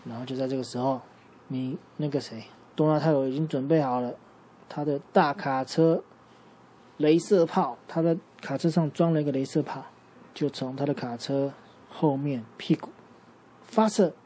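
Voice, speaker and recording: A man improvising a bedtime story for a child, lively and asking the listener questions along the way. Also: medium pitch, moderate pace, a little hiss or hum.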